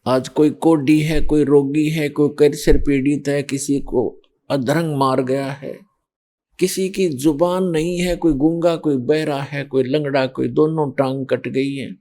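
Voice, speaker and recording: A man giving a slow, measured religious sermon, quoting scripture and explaining each point. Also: a little high, steady tone, dark tone. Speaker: spiritual preacher.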